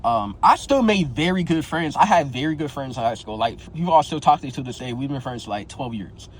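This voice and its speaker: A man's voice: medium pitch, lively intonation, fairly quick, a little hiss or hum, rough recording. A man in his twenties with a slight lisp, talking casually and candidly to his viewers in a slangy way. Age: 20s. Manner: slangy and candid, tags phrases with "bro" and "yo", many restarts. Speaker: vlogger sharing his experience. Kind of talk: casual talk to camera.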